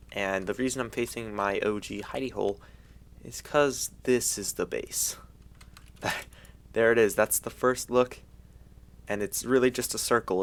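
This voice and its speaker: A young man with a fairly low voice narrates his gameplay casually. He talks like a frat bro, with loose slang and easy excitement. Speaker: gaming video host.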